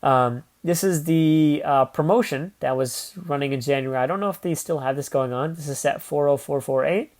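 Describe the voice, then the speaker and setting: A man's voice: on the high side, moderate pace, hardly any pauses, a little mellow. A man casually reviewing toy building sets, rambling with lots of fillers and restarts.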